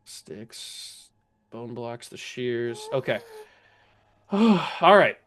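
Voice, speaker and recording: A man giving casual commentary while playing a game, thinking aloud, talking to enemies, his voice a little rough and strained. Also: medium pitch, big pitch swings, very slow, a bit bright. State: voice going, clearing throat. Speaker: let's play gamer.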